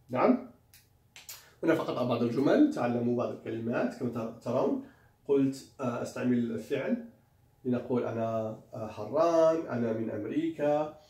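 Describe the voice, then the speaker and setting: A man teaching a language lesson who speaks slowly and deliberately and repeats each English phrase. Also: medium pitch, warm tone, distant mic. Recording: echoey room, voice set back from mic.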